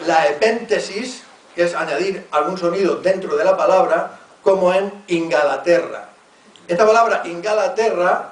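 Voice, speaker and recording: A man with a Murcian accent giving a conference lecture, reading word lists aloud and stopping to enunciate each example. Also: on the high side. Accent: Murcian Spanish. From Murcia region, Spain. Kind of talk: academic conference talk. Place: university lecture hall. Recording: echoey hall, voice from far off.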